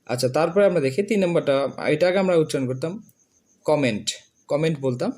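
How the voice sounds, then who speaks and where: A man's voice: a little high, fast, a little mellow. A man teaching an online English pronunciation lesson, repeating each word several times with many filler sounds.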